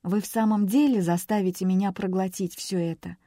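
A woman's voice: medium pitch, fairly even intonation, a little fast, dark tone, no echo, clean studio sound, natural voice. A woman voicing a shaken, tearful young woman who speaks in a trembling voice. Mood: embarrassed, polite. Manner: trembling, emotional.

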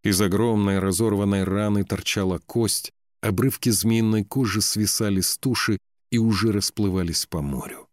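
A man reading a fantasy novel aloud as narrator, in a measured, dramatic way that stretches key words. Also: lowish voice, steady tone, dry recording, studio quality. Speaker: audiobook narrator.

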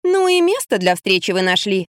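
A woman voicing an excitable young wife who plays the fool, exclaiming and indignant. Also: sits high, moderate pace, no room sound, clean studio sound, voice pushed up. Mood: agitated.

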